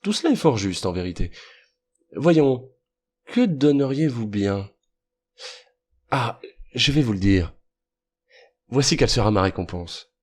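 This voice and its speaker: A man's voice: medium pitch, big pitch swings, unhurried, pauses often, a little mellow, husky, voice pushed up. A man reading an audiobook, voicing a sly, assured male detective with a cordial, persuasive manner. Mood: probing.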